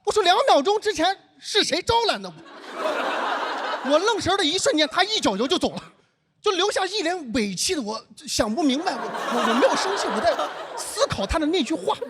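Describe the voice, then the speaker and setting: A young adult man from northern China doing a stand-up set, telling self-mocking stories in an animated way. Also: very high-pitched, fast, noisy background. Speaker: stand-up comedian. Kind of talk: stand-up comedy performance. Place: live comedy stage.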